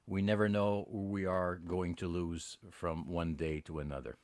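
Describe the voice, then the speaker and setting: With a low-sitting voice at normal speed, this Quebec-accented podcast host, a native French speaker, hops between French and English on his casual bilingual show. He sounds animated yet hesitant, and a little hiss or hum runs through the recording.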